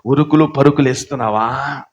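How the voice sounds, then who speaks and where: A man preaching a sermon, dropping to low murmurs and rising to shouted appeals, with strings of repeated rhetorical questions. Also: normal speed.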